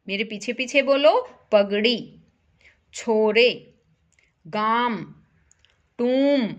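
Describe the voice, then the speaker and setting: A woman teaching a primary-school Hindi lesson as a voice-over, saying words clearly one by one so children can repeat after her. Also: a little high, fairly bright tone. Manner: slow, careful word-by-word drills for repeating.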